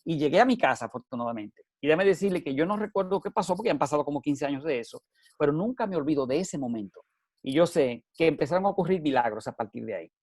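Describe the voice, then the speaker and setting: Middle-aged guy giving a pep talk on the radio, earnest coaching, yells now and then, dry close mic. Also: a little high, lively intonation, quick pace, no echo. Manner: earnest, coaching, bursts into shouts. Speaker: guest speaker.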